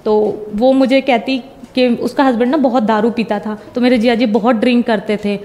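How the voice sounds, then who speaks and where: A woman's voice: a little high, fairly even intonation, moderate pace, a little mellow, big-room sound. A young woman giving a personal testimony, retelling conversations at length and repeating "I said".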